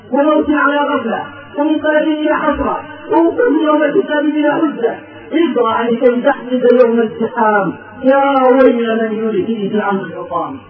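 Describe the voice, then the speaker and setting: Guy preaching with a really high voice, fervent storytelling, tinny phone-like sound with music behind. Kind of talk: sermon. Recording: tinny, echoey, distant, with music.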